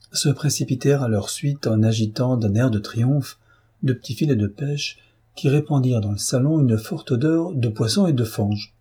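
A man reading a classic novel aloud as a steady, even audiobook narrator. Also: medium pitch, husky. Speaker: audiobook reader.

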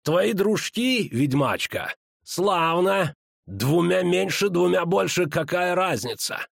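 A man voicing a menacing older male bounty hunter who taunts slowly and mockingly. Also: high voice, lively intonation, creaky, no echo, studio quality, pitched above the performer's own voice, full character voice. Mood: sneering. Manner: slow, sneering, drawn-out taunts.

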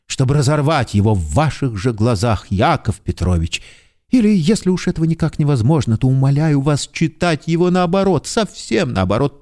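In an audiobook, a man with a warm, mid-range voice plays a timid, fawning middle-aged clerk. The character keeps begging for forgiveness in humble, formal terms.

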